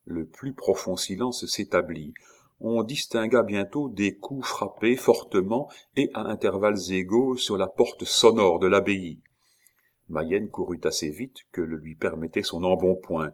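A man reading a historical novel aloud in a measured, steady way. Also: deep voice. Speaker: audiobook narrator.

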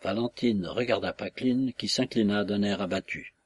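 A man narrating a classic novel as an audiobook in a measured, even storytelling manner. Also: on the low side, breathy edge.

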